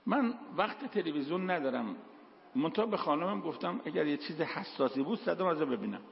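A man's voice: a little high, sing-song, creaky, a little hiss or hum. A man preaching a sermon, telling stories and quoting verses. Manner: storytelling, quotes Quranic verses. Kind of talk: sermon with told anecdotes. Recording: echoey hall, dull lo-fi sound.

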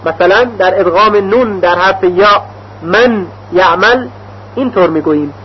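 A man with a high voice teaching recitation rules in a measured, deliberate way. He stretches out the example syllables as he demonstrates them. The recording is dull and lo-fi, with a faint hum underneath. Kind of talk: slow instructional explanation with recited examples.

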